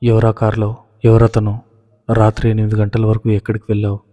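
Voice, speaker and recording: A man voicing an angry, strict middle-aged father who shouts accusations. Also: on the low side, monotone, a little fast, in a large hall, lightly acted. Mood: furious.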